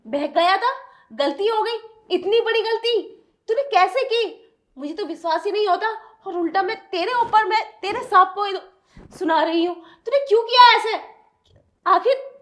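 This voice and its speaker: A woman's voice: very high-pitched, moderate pace, fairly bright tone. A woman playing a wife and lady of the house who questions everything in disbelief in a short film drama. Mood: reproachful.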